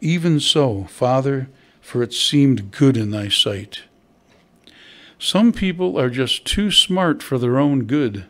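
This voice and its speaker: Slow and expressive, an older pastor with a medium-pitched voice preaches in a church hall, standing at a wooden pulpit fitted with a stand mic. He addresses the congregation in a conversational way, often turning to them with questions.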